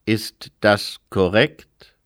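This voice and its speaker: A man playing a cold, suspicious official from a storybook, sharp-voiced and clipped. He speaks slowly and flatly, as if reading from a list. The sound is dry. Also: fairly low pitch, dry recording. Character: cold, suspicious gray-suited male official.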